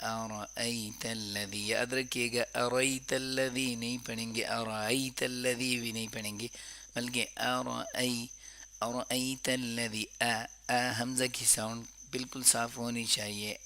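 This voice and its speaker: Male recitation teacher, bright voice, unhurried, chants verses slowly then explains, faint crickets behind. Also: medium pitch, little pitch movement, slight background noise. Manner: slow drawn-out recitation between quick explanations; corrective, repeating wrong and right forms. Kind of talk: tajweed lesson.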